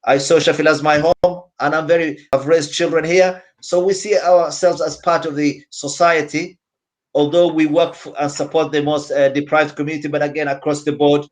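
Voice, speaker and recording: A man from Somalia, representing a community centre, speaks earnestly on a panel held over a video call. His voice sits on the high side with a level tone and a normal pace, and he repeats his key phrases.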